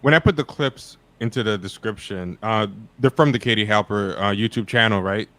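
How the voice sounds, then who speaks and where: A man's voice: fairly low pitch, fairly quick. A man hosting a casual livestream podcast, talking loosely with fillers as he wraps up. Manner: relaxed, loose wrap-up talk with fillers. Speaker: podcast host.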